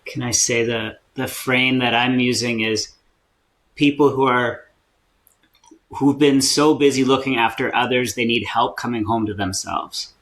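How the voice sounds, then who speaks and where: A male coaching client talking quietly and tentatively in a live session, with a mid-range pitch. He offers his ideas softly and cautiously. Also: a little slow. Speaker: coaching client, caregiver practitioner.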